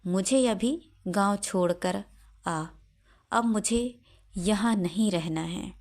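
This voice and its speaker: Lady voicing a stubborn old mother telling off her daughter-in-law, slow and insistent. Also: mid-range voice, a little mellow. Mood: scolding. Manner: scolding, insistent.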